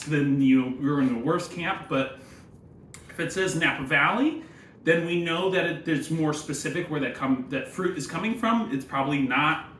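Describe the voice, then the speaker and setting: A man's voice: fairly high pitch, fairly bright tone. Wry man tasting wine in an echoey room. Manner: wry, opinionated, uses wine jargon. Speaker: sommelier and presenter. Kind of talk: casual wine tasting commentary. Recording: echoey room, faint background noise.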